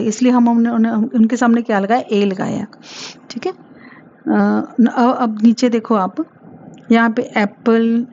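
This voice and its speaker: A woman's voice: mid-range voice, darkish tone, lo-fi sound, slight background noise. A woman with an Indian accent teaching a grammar lesson to children, patiently asking questions and repeating words. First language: Hindi.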